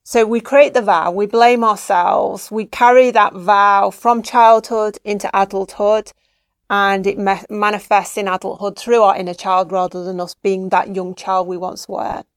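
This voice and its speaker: Female interviewer, mid pitch, dry recording, thoughtful and searching questions. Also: fairly even intonation, a little slow, no room sound. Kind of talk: conversational questioning.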